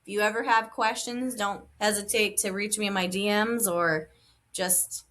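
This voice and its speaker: A woman's voice: mid-range voice, fairly even intonation, moderate pace, a bit bright. Easygoing female guest, affirming, casual chat over a video call. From Tucson, Arizona. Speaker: podcast guest, spinal flow practitioner.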